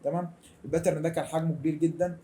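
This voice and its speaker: A young man with an Egyptian accent gives a chatty, colloquial software tutorial over a screen recording. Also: a little high, steady tone, racing, a little hiss or hum. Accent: Egyptian Arabic. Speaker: design tutor.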